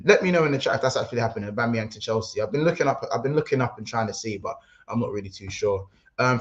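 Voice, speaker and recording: A man hosting a casual football livestream, rambling and excitable, reading out chat messages. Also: medium pitch, muffled recording. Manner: excitable, rambling, London slang. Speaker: livestream host.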